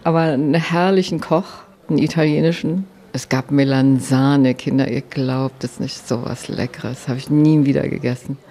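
An older woman telling a personal story in a lively way, often quoting her own thoughts. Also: rumbling low, moderate pace, few pauses.

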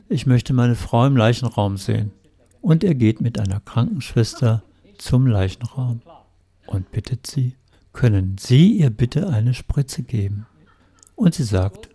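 Man, mellow dark voice, mid pitch, measured interpreting. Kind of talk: interpreting a sermon.

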